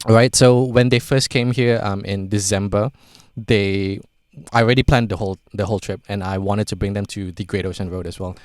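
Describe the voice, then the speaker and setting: A man's voice: lowish voice, fairly even intonation, moderate pace, clean tone, dry recording, studio quality. Laid-back podcast guy. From Singapore. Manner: rambling, swears freely, frequent "like". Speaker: podcast host. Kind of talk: casual podcast chat.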